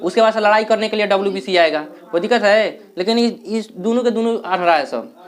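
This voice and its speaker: A man's voice: high voice, fast talker. A male teacher giving a classroom lecture, asking questions and answering them himself, with regional dialect words in his Hindi.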